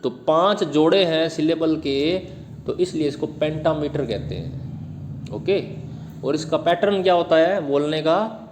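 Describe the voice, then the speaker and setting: Male tutor, measured and slow, explaining verse in a reverberant room. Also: on the high side, a little mellow, slight background noise. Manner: explains slowly, asks and answers his own questions, reads English lines word by word. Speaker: English teacher. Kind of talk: Hindi lecture on English poetry.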